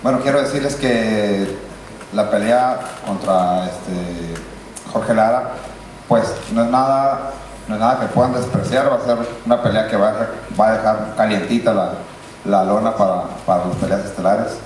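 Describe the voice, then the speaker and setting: A man from Mexico with a Mexican accent, a boxer making unscripted, slightly halting remarks at a press conference. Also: lowish voice, darkish tone. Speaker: professional boxer. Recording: echoey hall from far off, faint noise.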